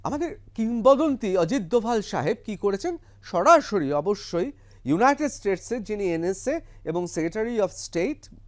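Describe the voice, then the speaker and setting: This is a male news commentator, tearing into his subject with scorn and heavy emphasis. His voice sits high and leaps around expressively from word to word. He pauses now and then to read out English quotes before explaining them. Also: darkish tone. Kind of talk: heated political commentary.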